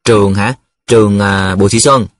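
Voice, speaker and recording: A man's voice: fairly low pitch, expressive, brisk, fairly bright tone, husky, no room sound, studio quality. A man doing a flustered young lover. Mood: defensive. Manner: defensive, hesitant. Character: defensive young male student in love, flustered.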